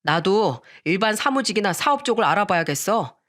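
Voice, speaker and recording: A woman's voice: medium pitch, animated, brisk, fairly bright tone, close to an everyday voice. Grumpy dismissive husband in his forties for a radio story, curt and sulky, voiced by a woman. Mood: defiant. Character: surly lazy middle-aged husband, male.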